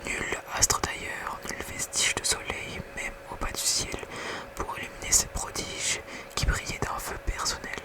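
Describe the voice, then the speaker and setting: A very quiet, night-time whisper reading poetry softly in an ASMR bedtime style. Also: a little slow. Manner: hushed bedtime reading with casual whispered asides. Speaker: ASMR reader.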